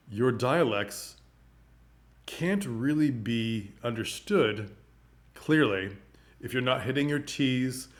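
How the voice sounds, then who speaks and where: A man talks straight to camera in a casual vlog, speaking into a microphone. His delivery is emphatic and expressive, and he leans hard on key words. His pitch sits in an ordinary middle range for a man. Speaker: vlogger and performing arts commentator.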